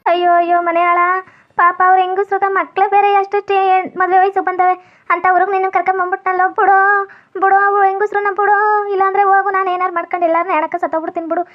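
A woman's voice: very high-pitched, flat delivery, racing, faint music behind. A woman playing a fretful, pleading village mother in a comedy skit, speaking. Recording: dull lo-fi audio.

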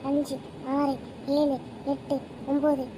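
A woman's voice: high-pitched, monotone, slow pace, warm tone, slight background noise. A woman voicing a whiny, scheming young daughter in a cartoon. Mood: sulky.

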